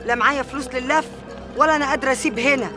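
An actress as a poor, worried woman with a wry Egyptian voice. She talks fairly high and quickly over music. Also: fairly even intonation, natural voice.

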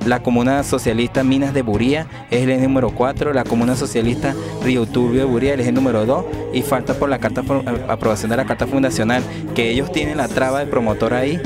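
A man speaking as a community spokesman in an outdoor street interview, earnest and quick, with restarts, into a handheld mic. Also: mid-range voice, fairly even intonation, loud music behind the voice. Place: outdoors at a rural community meeting. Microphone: handheld reporter mic.

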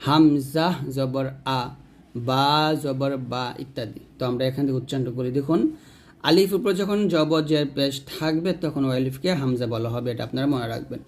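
A man's voice: medium pitch, normal speed, a little mellow. A man teaching Quran reading step by step. He spells out each letter and vowel mark, then asks viewers to read along after him. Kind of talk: slow step-by-step recitation lesson.

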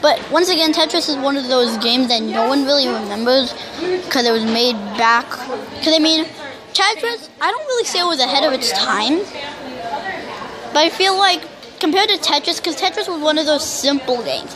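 A youngster who can't pronounce R's, saying w instead, rambling loudly through casual gameplay commentary. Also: high voice, lively intonation, normal speed, crowd noise. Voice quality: speech impediment, cannot say R's correctly, says w for r. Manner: rambling, self-described loud talker. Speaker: YouTuber.

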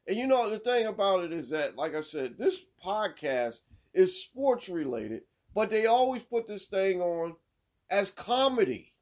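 A man hosts a sports podcast, telling corny jokes casually and laughing at his own punchlines. He's lively, swinging between loud and mumbled, and his high voice is a little slow.

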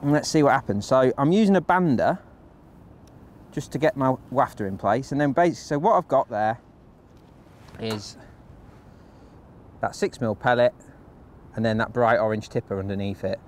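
Casting note: male angler-host, mid-pitched voice, chatty hands-on how-to delivery, outdoors with faint background noise. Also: expressive, normal speed, pauses often. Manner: practical, chatty step-by-step explaining. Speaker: angler demonstrating fishing rigs, channel host. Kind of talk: instructional how-to talk. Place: outdoors by a lake on a windy day.

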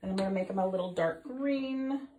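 This is a casual painting lesson from a middle-aged woman who teaches art, recorded in her home studio as she works and rambles with plenty of ums. Her medium-pitched voice is mellow and fairly quick, still a little affected by recent sickness. An overhead phone camera, placed away from her, picks her up off-mic in a reverberant room with slight hiss or hum.

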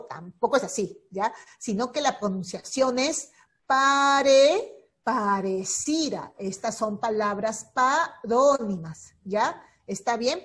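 A slightly high-voiced woman teaching a class over a video call. She explains patiently and goes over the main points slowly. She keeps checking that her students are following along. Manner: checks in constantly with "¿ya?". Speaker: secondary school teacher.

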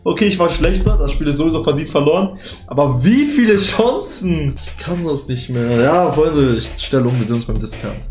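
Dramatic young frat-bro gamer, echoey room. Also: male voice, a little high, lively intonation, normal speed, a little mellow. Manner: laddish frat-bro talk, slangy and dramatic. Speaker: gaming video host. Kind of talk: casual gameplay commentary. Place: small dark gaming room at home. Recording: echoey room, faint music behind.

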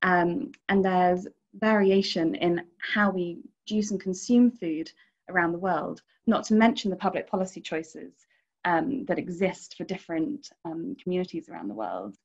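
A woman's voice: lowish voice, normal speed. A woman in her thirties moderating an online panel from home, friendly and hesitant with many ums. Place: living room at home. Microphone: video call, laptop camera. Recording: dull video call audio.

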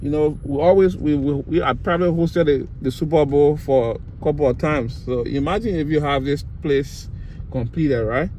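A man's voice: fairly high pitch, darkish tone, poor audio. A man talking casually while he drives and films, repeating himself with emphasis and restarting his sentences. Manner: repetitive, emphatic, halting with restarts. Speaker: vlogger touring a site. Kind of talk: casual narration while driving. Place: in a car, outdoors in open land. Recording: outdoor recording with clear car noise.

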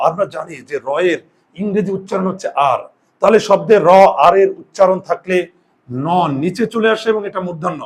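In a classroom with students present, a male Bengali grammar teacher walks through a spelling lesson step by step, posing questions and answering them himself. His voice is high and husky.

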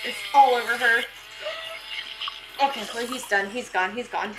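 A woman's voice: on the high side, fairly even intonation, normal speed, music in the background. A woman on a living room couch reacting casually to a horror film, squeamish and exclaiming.

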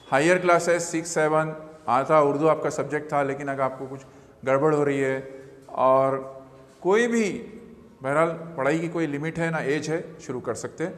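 A man teaching a beginner Urdu alphabet lesson. He patiently repeats each letter sound several times and mixes English words into his explanations. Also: fairly high pitch. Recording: long reverberant room echo.

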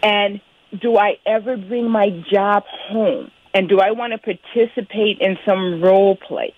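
A woman comes through a speakerphone line on the radio, her voice narrow and tinny. She talks bluntly and frankly, sounding fed up. Her pitch sits in an ordinary middle range. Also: steady tone, measured pace. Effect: heard over a speakerphone line. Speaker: caller, nurse at a pediatrician's office.

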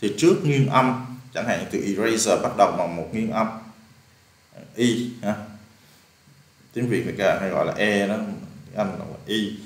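A man's voice: fairly low pitch, moderate pace, pauses often, echoey room. A man with a Vietnamese accent, teaching as an English teacher and patiently walking through exercise answers step by step, repeating key words.

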